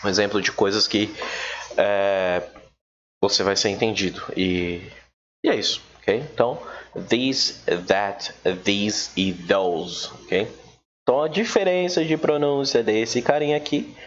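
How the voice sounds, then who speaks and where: A man giving a casual recorded English lesson, chatty and relaxed, stretching out his English examples slowly. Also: fairly low pitch. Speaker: English teacher. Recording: dull, lo-fi with faint noise.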